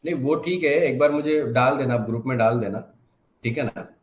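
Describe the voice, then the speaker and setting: A man's voice: mid-range voice, moderate pace, roomy sound, muffled recording. A man, a car diagnostics trainer answering questions in a live online class with confident, reassuring instruction.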